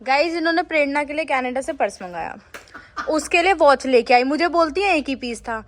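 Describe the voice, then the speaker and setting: A woman's voice: high voice, lively intonation, fairly quick, slight background noise. A young woman vlogging casually, chatty and playfully complaining. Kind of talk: casual vlog chat.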